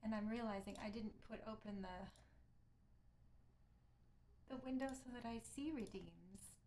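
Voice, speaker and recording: A woman's voice: mid-range voice, measured pace, darkish tone. A middle-aged woman chatting casually with viewers while wrapping up a live stream, rambling a little and thanking people as she goes.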